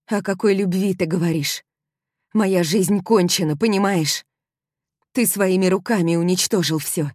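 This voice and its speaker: A woman voicing a furious, heartbroken young heroine in an audiobook, shouting rawly. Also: fairly low pitch, a little slow, no room sound, studio quality, pitched above the performer's own voice. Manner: shouting, raw and hysterical. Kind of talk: audiobook character reading.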